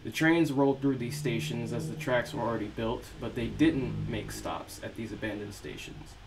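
A man's voice: medium pitch, normal speed, background noise. Laid-back man reading his own fiction. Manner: relaxed, filler-heavy chat. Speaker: author reading his novel. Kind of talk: casual chat, then reading prose aloud.

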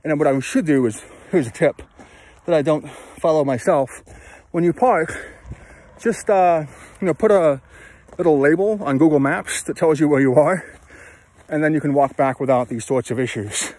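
A man in his thirties walking outdoors, talking to a phone held at arm's length in a halting, self-deprecating way, sweaty from hiking. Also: a little high, darkish tone. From California, USA. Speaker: travel vlogger. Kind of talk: rambling walk-and-talk vlog. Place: outdoors on open hills.

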